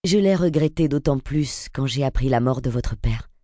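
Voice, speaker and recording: A woman's voice: rumbling low, expressive, moderate pace, warm tone, no echo, studio quality. A woman reading an audiobook, voicing a confident, friendly woman in her forties. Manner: poised, friendly.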